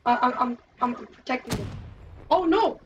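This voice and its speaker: A woman playing a video game, exclaiming excitedly in casual banter with a friend. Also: sits high, moderate pace, highs cut off, slight background noise.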